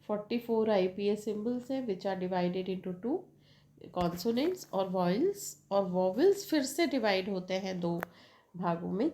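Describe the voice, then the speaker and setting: A woman English teacher, explaining slowly and mixing in English phrases while checking in with her students. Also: medium pitch, a little hiss or hum. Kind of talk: bilingual classroom explanation.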